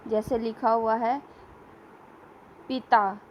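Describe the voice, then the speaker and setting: A woman teacher giving a slow classroom lesson, reading questions and answers aloud and repeating words for young pupils. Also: fairly high pitch, lo-fi sound, slight background noise.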